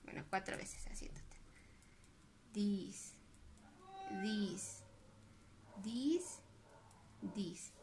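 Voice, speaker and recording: A woman with a Mexican Spanish accent, teaching English to small children in a recorded online class, drilling words slowly with long drawn-out pronunciation. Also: medium pitch, a little mellow, whispered.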